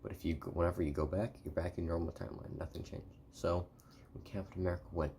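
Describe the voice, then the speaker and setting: A man speaks in a hushed, very low voice with a gravelly edge, often slipping toward a whisper. He rambles through a soft-spoken ASMR review, halting and rewording as he goes. The tone stays dark and mellow. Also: steady tone, a little hiss or hum. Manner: rambling, halting, repeats and rephrases himself. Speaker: video reviewer.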